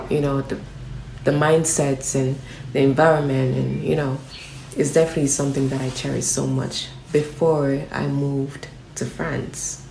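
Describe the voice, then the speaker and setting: Low creaky-voiced woman in a roomy space. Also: a little hiss or hum. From Nigeria. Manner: reflective, steady, grows emphatic on strong opinions. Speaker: rapper interviewed as guest. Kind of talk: relaxed interview answers. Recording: roomy echo with faint background ambience.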